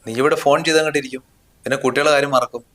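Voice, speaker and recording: A man's voice: fairly high pitch, fairly even intonation, very fast, a bit bright, roomy sound, lightly acted. A man acting a husband in a short drama, scolding and dismissive in tone. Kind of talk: scripted drama dialogue.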